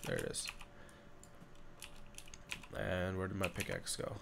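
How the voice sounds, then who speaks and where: A young man with a stuffy nose from being sick, rambling casually over his gameplay with lots of fillers and bursts of excitement. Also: low-pitched, takes it slowly, gravelly, noisy background. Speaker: gaming YouTuber. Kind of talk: casual Minecraft let's play commentary. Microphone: condenser desk mic.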